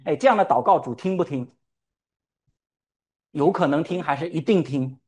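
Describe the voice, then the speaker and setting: A man's voice: on the high side, normal speed, darkish tone. A male pastor preaching a sermon. He fires rhetorical questions at the congregation and calls for amens. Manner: calls for "amen" responses.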